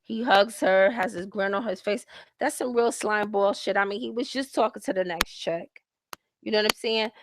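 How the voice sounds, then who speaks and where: A woman's voice: mid-range voice, moderate pace. A woman hosting her own broadcast, recapping a reality show in casual, profane commentary and lecturing her listeners directly. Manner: blunt, profane, heavy use of slang. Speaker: host reviewing a reality show. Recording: hissy home recording.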